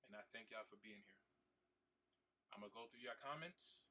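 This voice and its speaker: A man's voice: fairly low pitch, moderate pace, pushed and bright. A man streaming a game who talks earnestly and emotionally to his viewers, repeating himself, using casual slang and swearing, and trying not to cry. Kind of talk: heartfelt talk to stream viewers.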